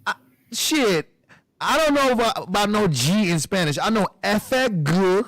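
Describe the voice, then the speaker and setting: Host, male, high-pitched, unhurried, laughing profane banter. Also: lively intonation, a bit bright. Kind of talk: casual chat.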